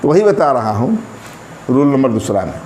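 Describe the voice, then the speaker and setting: A man teaching an English grammar lesson in Hindi, speaking slowly and repeating words while he writes them out. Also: mid-range voice, very animated, darkish tone. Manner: slow, drawn-out, repeats words while writing on a board. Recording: echoey room, faint background noise.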